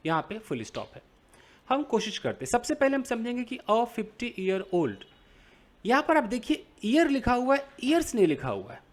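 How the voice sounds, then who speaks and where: A young man with an Indian accent teaches English to beginners using a newspaper, his pitch swinging hugely up and down. He slowly draws out English phrases before explaining them and keeps asking his viewers questions to check in.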